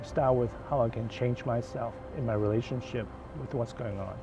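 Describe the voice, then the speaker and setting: An older man from Hong Kong, a financial advisor giving an interview in the woods, thoughtful and halting, often restarting his phrases. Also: medium pitch, steady tone, music in the background. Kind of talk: outdoor interview chat. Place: outdoors in the woods. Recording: dull lo-fi outdoor audio, faint noise.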